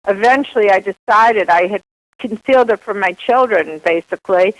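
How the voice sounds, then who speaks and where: A woman's voice: mid-range voice, normal speed. An older woman with a Boston accent telling her life story as an author being interviewed, in a reflective, wordy way over a phone line.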